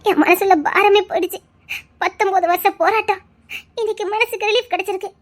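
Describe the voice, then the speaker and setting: A woman playing a soft-spoken middle-aged woman weighed down by an old mistake, in an audio drama. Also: very high voice, steady tone, brisk. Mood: tender. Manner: soft-spoken, tearful and emotional.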